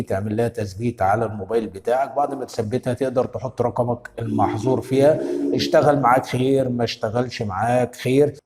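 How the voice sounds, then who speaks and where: A man with an Egyptian Arabic accent hosting a step-by-step phone tutorial, giving brisk instructions and constantly checking in with the viewer. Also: medium pitch, mellow, in a large hall. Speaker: tech tutorial host.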